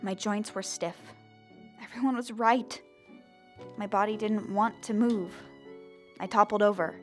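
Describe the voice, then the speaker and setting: A woman voices a determined young zombie girl in an audio drama, serving as both lead character and narrator, earnest and theatrical in dialogue and first-person narration alike. Her mid-range voice is close to an everyday one, with fairly even intonation and a measured pace, and faint music plays behind her as she narrates earnestly.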